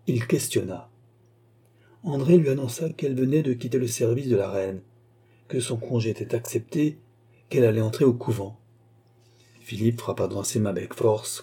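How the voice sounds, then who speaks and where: A man reading a classic novel aloud in a measured, plain narration. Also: fairly low pitch, dark tone, slightly rough. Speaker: audiobook narrator.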